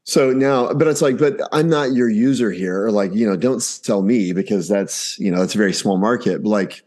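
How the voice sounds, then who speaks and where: A man's voice: lowish voice, moderate pace, darkish tone. A man in his forties, a podcast guest, telling a family story casually and animatedly, acting out the dialogue.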